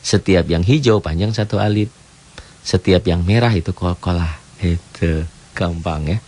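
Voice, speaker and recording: A man teaching a radio tajwid lesson, explaining each rule step by step and chanting the verses slowly. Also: low voice, a little mellow. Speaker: Quran recitation teacher.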